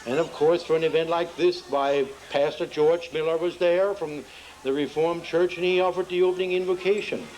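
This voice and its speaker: A man's voice: on the high side, fairly even intonation, moderate pace, a little mellow, a little hiss or hum, poor audio. A man with a Pennsylvania Dutch accent telling folksy jokes to a crowd at an outdoor town festival. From Pennsylvania, USA. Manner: folksy, playful, addresses the crowd. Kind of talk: folksy stand-up joke telling.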